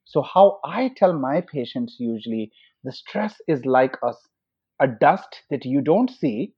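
A man's voice: mid-range voice, husky. A man speaking as a doctor on a podcast, patiently explaining with everyday examples and questions to his hosts. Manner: patient, example-driven, asks listeners questions. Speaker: doctor and podcast guest expert. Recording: muffled lo-fi recording.

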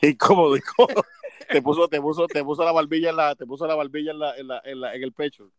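A man's voice: a little high, fast, dry recording. A man, co-hosting a casual chat and telling embarrassing stories with a laugh. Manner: animated storyteller, laughing through his stories.

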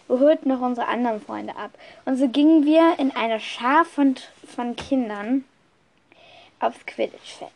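Telling an unscripted first-person story, a woman with a slightly high voice and some vocal fry sounds lively yet keeps a measured pace. She frequently restarts and corrects herself partway through sentences.

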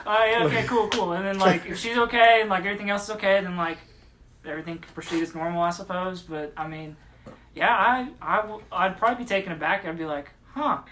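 A man in a casual podcast chat, hesitant and halting, full of fillers. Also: high-pitched, steady tone, noisy background.

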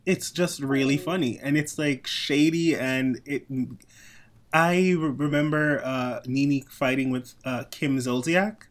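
A man co-hosting a podcast, expressive and quick to jump in with reactions. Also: medium pitch. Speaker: podcast co-host. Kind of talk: casual chat.

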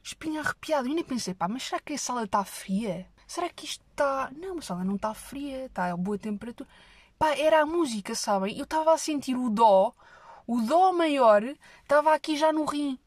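A young woman with a European Portuguese accent, telling comic stories straight to her viewers in an animated, exaggerated way. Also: sits high, normal speed, no room sound. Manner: animated, exaggerated storytelling, dropping her voice for asides.

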